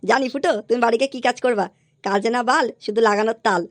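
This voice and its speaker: A woman's voice: a little high, fairly quick, slight background noise, lightly acted. A woman voicing a nosy, teasing male neighbour in a comedy cartoon.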